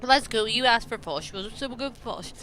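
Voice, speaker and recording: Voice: medium pitch, lively intonation, moderate pace, sharp tone, a little hiss or hum, rough recording. Streamer reading a story game aloud. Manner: reads game text aloud and chats with viewers.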